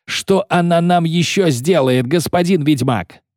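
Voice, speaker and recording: A man voicing a frantic boat skipper who yells urgent orders to his crew. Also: fairly high pitch, measured pace, no echo, studio quality, pitched above the performer's own voice, lightly acted. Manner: shouting, urgent.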